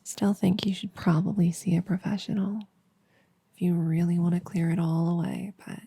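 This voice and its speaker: Woman acting nerdy elf girl, ASMR role-play for ear cleaning ASMR, very breathy, creaky, slow, awkward and gentle. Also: on the low side, flat delivery. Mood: soothing, sympathetic. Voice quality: breathy, soft. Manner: hesitant, rambling, gently soothing. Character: nerdy, friendly, awkward young female elf cleaning ears.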